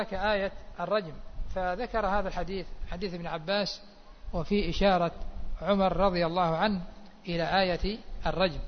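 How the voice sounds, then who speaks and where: Male religious teacher with a high voice, unhurried and methodical, reads a passage and then explains it, recorded dull and muffled in a reverberant mosque hall. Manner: reads a line then explains it slowly with pauses. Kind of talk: mosque lesson explaining a text.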